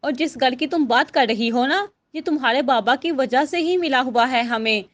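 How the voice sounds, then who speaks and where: A woman's voice: high-pitched, normal speed, lightly acted. A woman voicing an angry, indignant widowed mother who scolds her daughter, in a storybook reading. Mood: tender, hurt.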